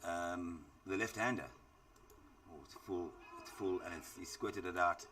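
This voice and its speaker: Deep-voiced South African cricket commentator. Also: male voice, measured pace, pushed and bright, far from the mic, a little hiss or hum. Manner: chatty, rambling, lots of fillers.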